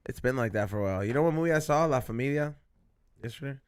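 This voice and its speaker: A man hosts a podcast at a very fast clip, his medium-pitched voice clear, resonant, and full of lively intonation. He's laid-back and rambling, swearing a lot and laughing often in casual chat.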